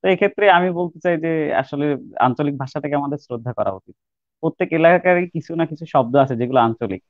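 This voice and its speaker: A man's voice: on the high side, animated, fast, no room sound, dull audio. A young man, a university student guest, chatting casually and hesitantly with many filler sounds. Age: young adult. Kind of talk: casual chat with poem recitation.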